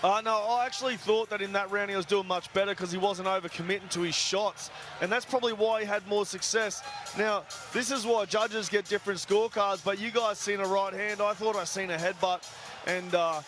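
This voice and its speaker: A man's voice: high voice, fairly even intonation, brisk, over music. A man giving conversational analysis as a commentator at a fight.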